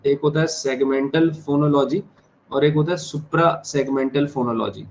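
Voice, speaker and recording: A man teaching an exam-prep class in Hindi and English. He dictates key terms slowly, repeats them and keeps checking that the class understands. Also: medium pitch, lo-fi sound, a little hiss or hum. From India. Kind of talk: online exam-prep lecture.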